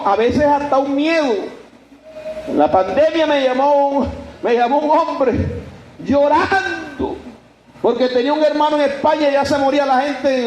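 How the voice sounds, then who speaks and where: A man preaching a conversational sermon as pastor, folksy and animated, often addressing listeners as brothers. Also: extremely high pitch. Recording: echoey room with faint ambient noise.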